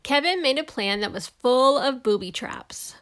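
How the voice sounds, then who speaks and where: A woman narrates a storybook for young children. Her voice sits fairly high, and she reads expressively, as one does in a read-aloud for kids. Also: animated, measured pace, fairly bright tone. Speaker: storybook reader.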